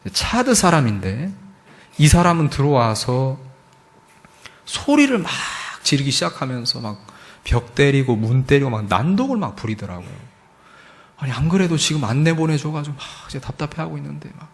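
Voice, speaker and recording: A missionary gives an emotional testimony sermon at a church service, telling his story and acting out the dialogue. His medium-pitched voice is very animated and moves at a moderate pace, full of frequent filler words and emotional emphasis.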